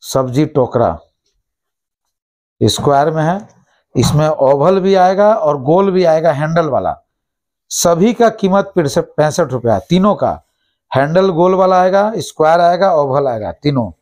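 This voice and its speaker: A man in his thirties, a shop owner, listing plastic goods and their prices and repeating each price briskly, recorded indoors on a lapel mic in a small shop office. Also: a little high, lively intonation, a little mellow. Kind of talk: product price rundown.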